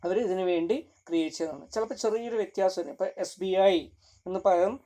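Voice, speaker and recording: A college lecturer explains in a classroom style. The voice is mellow and relaxed, with English terms woven into the explanation. Points are punctuated by frequent checks of "clear?". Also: mid-range voice, fast talker. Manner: keeps asking "clear?" between points.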